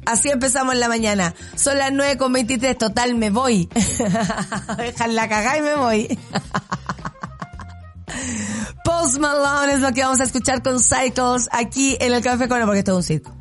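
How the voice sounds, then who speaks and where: A woman's voice: high voice, brisk, hardly any pauses, soft background music. A woman with a Chilean accent hosting a radio show, giving blunt, sarcastic commentary and laughing often. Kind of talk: casual opinionated radio commentary.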